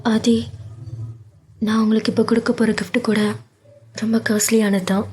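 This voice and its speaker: A woman's voice: on the high side, level tone, moderate pace, darkish tone, slight background noise, lightly acted. A woman voicing a tearful young woman who feels unworthy, speaking in a choked, trembling voice in a storybook romance. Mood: tender. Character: tearful young woman, humble and self-doubting.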